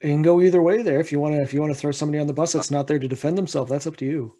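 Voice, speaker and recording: A man hosts a podcast interview, firing off light questions and chatting back. His voice is somewhat high, husky and mellow. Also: steady tone. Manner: chatty, quick to laugh. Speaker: podcast host.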